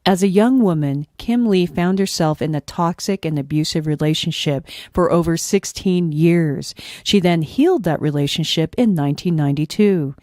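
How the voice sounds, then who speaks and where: Polished female announcer, low and dry. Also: normal speed, few pauses, darkish tone, no echo. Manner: smooth, polished and promotional. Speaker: voice-over announcer. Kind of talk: scripted introduction.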